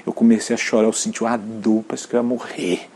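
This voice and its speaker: A Brazilian man, a pastor, preaching an earnest sermon, sometimes dropping to a near whisper and sometimes rising to loud emphatic peaks. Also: fairly low pitch, flat delivery, quick pace, slightly rough.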